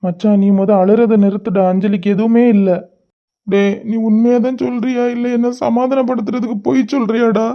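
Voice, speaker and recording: A man plays a loyal young cartoon friend who comforts his mate in a Kanyakumari Tamil accent. His voice is steady, reassuring and fairly high, and the recording is dull and lo-fi. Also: fairly quick.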